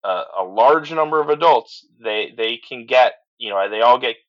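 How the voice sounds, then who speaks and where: A man's voice: mid-range voice, lively intonation, normal speed, a bit bright. A middle-aged man chatting as a podcast guest, enthusiastic, full of restarts and "you know"s. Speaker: podcast guest, transport business owner. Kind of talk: casual interview chat. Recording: slightly dull lo-fi audio.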